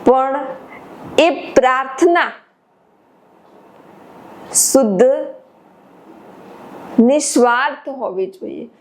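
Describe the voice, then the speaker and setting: A high-voiced woman delivers a devotional sermon at a slow, unhurried pace. She speaks as a spiritual teacher, building her points by repeating phrases for emphasis. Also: darkish tone.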